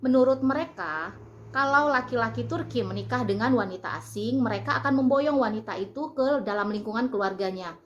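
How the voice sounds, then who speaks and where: An Indonesian woman vlogging in a relaxed, chatty way, explaining things with frequent fillers and pauses. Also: a little high, lo-fi sound. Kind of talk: casual vlog talk. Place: lives in Turkey.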